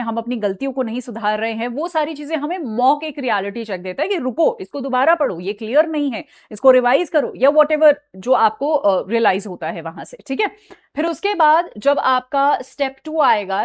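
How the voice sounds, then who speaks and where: A high-pitched young woman teaches an online exam-prep class in a chatty, direct way. She drops English phrases into her sentences and keeps asking her students whether they're following along. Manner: chatty, mixes Hindi with English phrases, repeats "ठीक है?".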